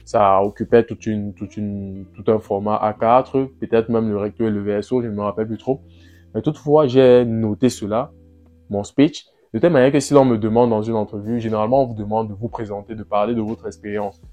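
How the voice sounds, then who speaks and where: A man talking casually in a vlog, relaxed and repetitive, often restarting phrases and pausing on fillers. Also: on the low side, faint music behind. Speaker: vlogger. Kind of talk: casual first-person vlog.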